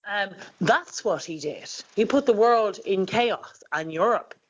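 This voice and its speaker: Host, mid-pitched voice, brisk and insistent, frequent ums. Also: lively intonation, muffled recording. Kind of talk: political talk show interview.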